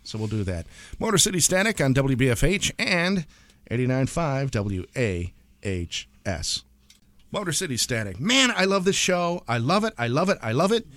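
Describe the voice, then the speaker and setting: A man's voice: medium pitch, big pitch swings, normal speed, fairly bright tone, no echo. A man hosting a radio music show, chatting casually and easygoing with a co-host, with some hesitant fillers.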